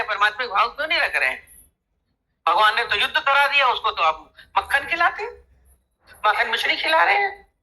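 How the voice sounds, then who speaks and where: A woman's voice: high-pitched, sharp tone. A woman giving a devotional discourse as a spiritual teacher, posing rhetorical questions and repeating her teaching points. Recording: tinny phone-like audio.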